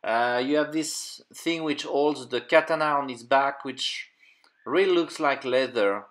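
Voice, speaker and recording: In a room lined with display cases and figures, a middle-aged French native speaker talks through a toy review in casual English. His voice is mid-range, fairly bright and a little slow, and his accent is clearly French. He leans on fillers and restarts when words escape him.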